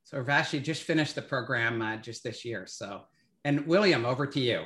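A man moderating an admissions webinar, explaining in a measured way with frequent fillers. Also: medium pitch, lively intonation, a bit bright.

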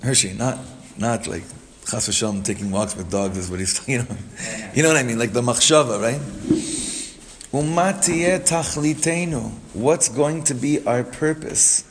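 A man teaching a study class, reading Hebrew lines quickly and then translating them and asking his students questions. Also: mid-range voice. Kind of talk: animated text study with students. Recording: reverberant room with faint background noise.

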